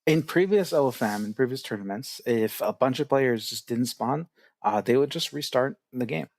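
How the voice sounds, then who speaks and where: A man's voice: mid-range voice, expressive, normal speed, darkish tone, no room sound. A man casting an online strategy game tournament, explaining rules with many fillers. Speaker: tournament organizer and caster. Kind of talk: casual game commentary.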